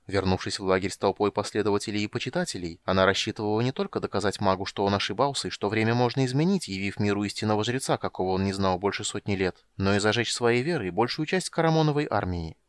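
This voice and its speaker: Man reading an audiobook, lowish voice, dead dry studio sound. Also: fast, few pauses, no room sound. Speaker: audiobook reader. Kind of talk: scripted audiobook narration.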